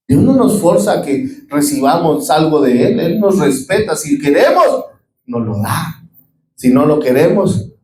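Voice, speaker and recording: Guatemalan pastor preaching in an echoey church. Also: male voice, on the high side, dark tone. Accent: Guatemalan Spanish. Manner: preaching with call-and-response to the congregation. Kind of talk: sermon.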